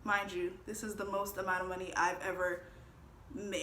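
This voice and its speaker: A woman's voice: fairly low pitch, flat delivery, moderate pace, sharp tone, reverberant, a little hiss or hum. A woman in her twenties telling a casual storytime vlog, chatty and laughing, acting out the voices of the people in her story. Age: 20s. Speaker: vlogger.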